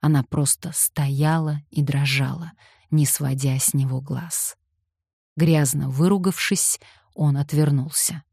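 A woman giving a slow, dramatic audiobook narration. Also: deep voice, steady tone, vocal fry, warm tone, husky, no echo, clean studio sound. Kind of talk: scripted narration.

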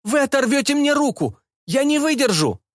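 Guy doing a squeaky freaked-out robot mechanic, begging, high and shrill. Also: very animated, fairly bright tone, dry recording, studio quality, full character voice. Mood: panicked. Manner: high, shrill, rapid pleading. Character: panicky male cyborg mechanic, pleading and indignant. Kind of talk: audiobook character voice.

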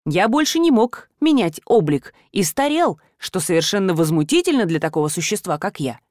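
A woman reading an audiobook, voicing a weary, regretful ancient male god who speaks in a measured, low, tired way. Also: sing-song, darkish tone, no echo, clean studio sound.

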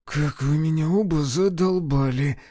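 A man's voice: very high-pitched, very animated, slow, a little mellow, dry recording, studio quality, pitched above the performer's own voice, exaggerated voice. A man voicing a clumsy, cheeky young male mechanic who whines and squeals back. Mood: whiny. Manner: whiny, squealing retorts.

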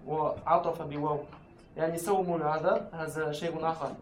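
Quick-talking male student in an echoey classroom. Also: a little high, steady tone. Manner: offers an example hesitantly, with pauses and self-corrections. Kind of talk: classroom discussion. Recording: echoey room with clear background noise.

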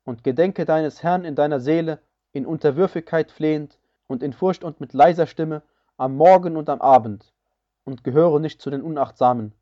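A man reading a scripture translation aloud in a measured, solemn way, each phrase evenly paced. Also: on the high side, warm tone, muffled recording.

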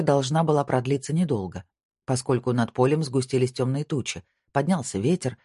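A man narrating a crime novel in a steady reading voice, giving the dialogue small shifts. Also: medium pitch, dry recording, clean studio sound. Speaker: audiobook narrator. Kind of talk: scripted narration.

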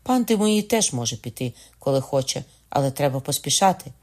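A man's voice: mid-range voice, big pitch swings, brisk, darkish tone, natural voice. A man voicing a devoted young nobleman in an audiobook reading, urgent and pressing.

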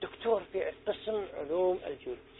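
High-voiced preacher, tinny sound. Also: male voice, lively intonation, fast, a little hiss or hum. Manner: earnest, exhorting, asks listeners questions. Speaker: preacher teaching young people. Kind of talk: religious lesson. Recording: tinny phone-like recording.

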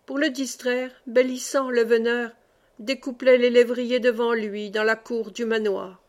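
A woman reading a classic novel aloud as an audiobook narrator, in measured storytelling. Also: fairly high pitch, little pitch movement. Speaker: audiobook reader.

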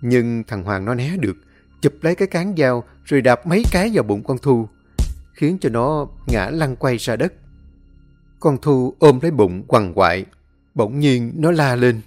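A man's voice: medium pitch, lively intonation, moderate pace, darkish tone, faint music behind. A man narrating a dramatic story expressively, acting out the scenes.

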